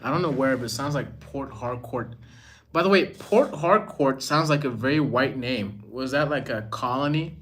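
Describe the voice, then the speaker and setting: A man's voice: mid-range voice, moderate pace, a bit bright, a little hiss or hum. A man from Rwanda, hosting a casual livestream and chatting while he greets viewers by name and reads their comments. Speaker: livestream host.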